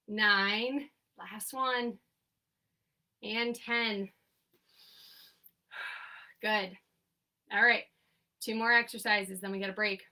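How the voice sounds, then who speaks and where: A woman's voice: medium pitch, sharp tone, far from the mic. A young woman leading a seated exercise class, counting repetitions and giving short coaching cues. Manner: counting reps aloud, upbeat coaching cues. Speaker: exercise instructor. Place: home, remote class. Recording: voice from away from the mic.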